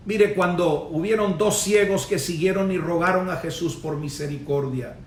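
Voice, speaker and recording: A man's voice: high voice, normal speed, roomy sound, distant mic, a little hiss or hum. A male pastor preaching a sermon with emphatic delivery, punctuated by amens and hallelujahs.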